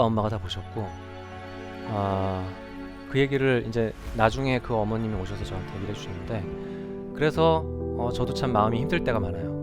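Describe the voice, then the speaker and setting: A man who is a child and adolescent psychiatrist, giving a reflective, earnest public talk on stage and asking the audience questions. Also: medium pitch. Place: stage before a live audience.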